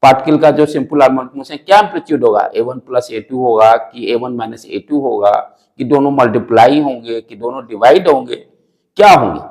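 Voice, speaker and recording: Lecturing at a fairly quick pace in a medium-pitched, loud voice, this Indian-accented man teaches physics. He keeps asking questions, repeating important phrases and slipping English words into his speech.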